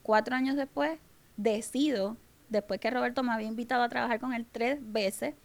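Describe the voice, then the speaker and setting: A business owner from Maracaibo, Venezuela, speaks with a Venezuelan accent as a podcast guest, sharing personal stories in a conversational way and acting out dialogue she remembers. Her voice is a little high and steady, with a brisk pace and some vocal fry.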